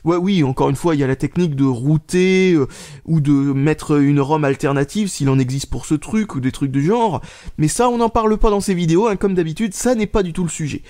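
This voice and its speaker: A man with a somewhat high voice gives a casual hands-on phone review. He talks haltingly, circling back with fillers and restarts. He mutters to himself as he types and swears under his breath at a faulty keyboard. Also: dark tone. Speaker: tech reviewer.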